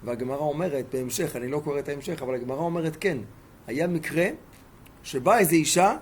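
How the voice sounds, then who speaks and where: A man's voice: fairly high pitch, a little mellow, slight background noise. A man teaching a Torah lesson as a rabbi, telling stories emphatically and throwing rhetorical questions at his listeners.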